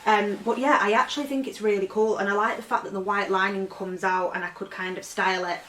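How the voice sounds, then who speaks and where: A woman's voice: mid-range voice, steady tone, fast talker, fairly bright tone, a little hiss or hum. A woman chatting through a vintage clothing haul at home, rambling and filling her talk with "like". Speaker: fashion vlogger. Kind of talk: casual vintage haul vlog. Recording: roomy echo, voice from off-mic.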